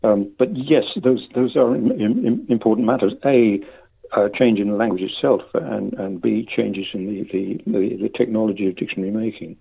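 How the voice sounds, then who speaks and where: An older man giving a hesitant, stammering interview with measured academic phrasing over a phone. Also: lowish voice, creaky, breathy edge. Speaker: interviewee, lexicographer. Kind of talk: interview conversation. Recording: narrow phone-like line.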